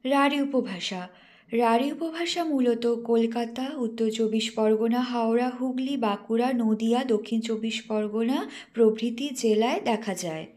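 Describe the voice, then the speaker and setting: A young woman, a teacher trainee, reading a lesson aloud in a careful, instructive way and slowing down to spell out example words. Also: a little high, darkish tone. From West Bengal, India. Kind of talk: read-aloud lesson presentation.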